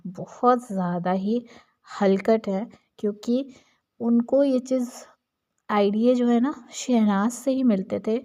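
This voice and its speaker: A young woman runs through show moments in a chatty, gossipy way, leaning on fillers as she talks. Her voice is soft and mellow, with no edge at all. Her pitch sits in the middle range. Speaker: entertainment vlogger. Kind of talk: casual commentary on reality show clips.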